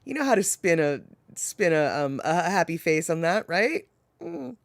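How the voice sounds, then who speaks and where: Live-stream host, casual rambling chat, mid pitch, self-correcting, dry close recording. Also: very animated, measured pace, creaky, no room sound. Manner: rambling and self-correcting, laughs at own remarks. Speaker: livestream host reading viewer chat.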